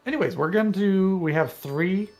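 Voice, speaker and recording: A man's voice: sits high, moderate pace, darkish tone, soft background music. A man on a gaming livestream's voice chat, talkatively explaining game mechanics step by step in casual chat. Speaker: guest co-player on a livestream.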